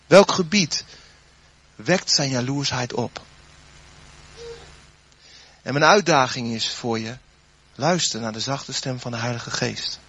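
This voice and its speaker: A man preaching a sermon, then leading a spoken prayer, his voice swelling loud and dropping soft. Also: medium pitch, slow, pauses often, breathy edge, muffled recording.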